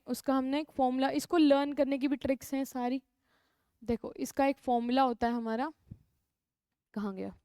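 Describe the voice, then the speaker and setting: In this classroom lecture, a young North Indian-accented woman with a high, smooth, slightly mellow voice teaches chemistry. She coaxingly calls her students "beta," repeats important terms, and poses questions she then answers herself, all on a dry recording.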